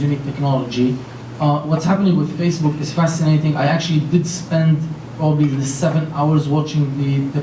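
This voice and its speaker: With a warm voice on the high side, a man in his thirties from Lebanon, a company founder, gives rambling, earnest panel remarks thick with fillers and restarts. He uses a handheld mic in a large conference room with an audience, and the audio is distant, echoey and slightly noisy.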